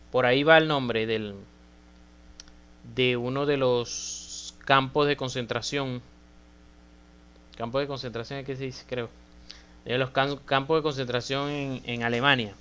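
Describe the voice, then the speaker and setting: A man's voice: mid-range voice, pushed and bright, clear, resonant tone. A man giving a conversational medical lecture, often asking his students questions. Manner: conversational, asks students questions, frequent fillers. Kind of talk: university lecture.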